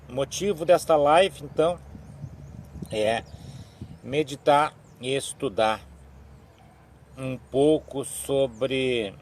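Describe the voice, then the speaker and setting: A man, giving a slow, halting religious reflection on a live stream, with frequent restarts and tag questions. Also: medium pitch, slight background noise. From southern Brazil. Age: 60s. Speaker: evangelical live-stream speaker.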